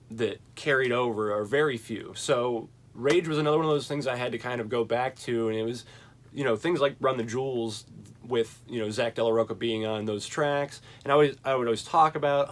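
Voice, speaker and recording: A young man talks loosely through the records he has bought lately, enthusiastic and rambling. He reaches for fillers and restarts as he thinks aloud, with a voice of middling pitch. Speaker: vinyl collection reviewer. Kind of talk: casual record collection chat.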